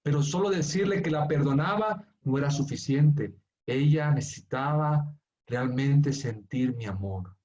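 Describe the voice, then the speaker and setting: A man from Bolivia preaching as a pastor, turning from hushed, tender storytelling to emphatic pleading. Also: medium pitch, measured pace, lo-fi sound. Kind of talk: sermon.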